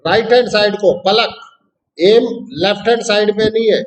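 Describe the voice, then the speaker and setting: A middle-aged man walks students through math problems. His voice sits high for a man, and he coaxes and checks on the class, calling them "beta". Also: moderate pace, poor audio. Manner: coaxing, calls students beta. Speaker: math teacher. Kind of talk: online math lesson.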